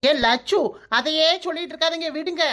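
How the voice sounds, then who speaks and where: A woman's voice: extremely high pitch, a little fast, bright, forceful tone, voice pushed down. A woman voicing an older village woman relative in a cartoon, soothing and restraining in a Kanyakumari Tamil accent. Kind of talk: cartoon voice acting.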